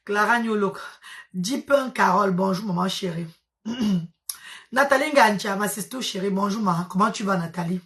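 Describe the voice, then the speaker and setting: A woman's voice: mid-range voice, moderate pace. Tired woman chatting on a live stream. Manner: affectionate, calls viewers maman and sister. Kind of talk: casual live-stream chat, greeting viewers.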